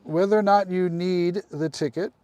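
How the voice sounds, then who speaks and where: Man hosting a live stream, friendly chatter with viewers, voice sits a bit high. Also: fairly even intonation, normal speed, darkish tone, clear, resonant tone, dry recording, highs cut off. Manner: chatty, addresses viewers by name, apologetic asides.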